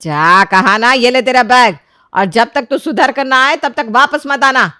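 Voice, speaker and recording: A woman voicing a stern, sharp-tongued middle-aged mother-in-law in a cartoon story, with a commanding, scolding manner. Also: lowish voice, expressive, moderate pace, no room sound, clean studio sound. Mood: shouting.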